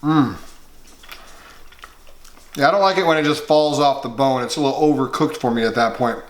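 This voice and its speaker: A man hosting a cooking show, giving a relaxed, folksy demonstration with many fillers, indoors in a kitchen. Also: medium pitch, moderate pace, reverberant.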